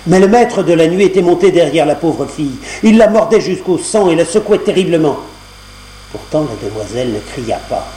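A male storyteller reads a fairy tale aloud, measured and expressive. His voice is mellow and slightly high for a man. The old cassette recording sounds roomy, with a faint hum underneath.

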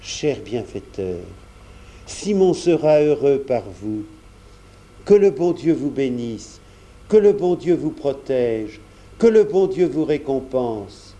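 A man's voice: mid-range voice, lively intonation, takes it slowly, mellow. A man reading aloud and voicing a grateful young servant boy, earnest and pleading. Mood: fervent. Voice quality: pleading, fervent. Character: young male servant Jean, fervent and grateful.

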